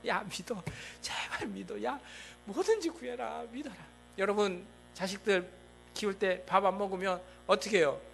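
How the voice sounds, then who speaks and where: Animated high bright-voiced male preacher. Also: gravelly. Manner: animated, acts out God and the king in quoted lines. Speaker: pastor. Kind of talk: sermon. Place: church sanctuary.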